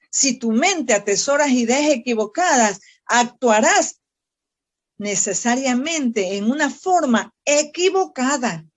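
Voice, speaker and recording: A woman missionary teaching a Bible study, earnest and fervent, often asking her listeners questions directly. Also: on the high side. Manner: earnest, fervent preaching with prayers spoken aloud.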